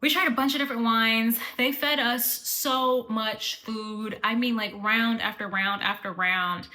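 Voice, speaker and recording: Chatty woman travel vlogger with a crisp, bright voice, casual recap. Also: fairly high pitch, fairly even intonation, a little slow. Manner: chatty, fills speech with "like".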